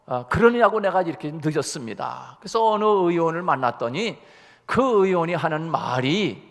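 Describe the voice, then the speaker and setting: A man's voice: fairly high pitch, animated, normal speed, creaky, long reverb tail. A male pastor voicing a clever fox who pleads and wheedles, in a fable told during a sermon. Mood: pleading. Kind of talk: sermon storytelling.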